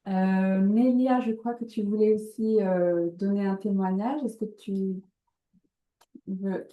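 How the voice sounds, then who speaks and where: A woman moderating an online session, thanking speakers and handing over in a polite, unhurried way. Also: medium pitch, steady tone, phone-quality sound.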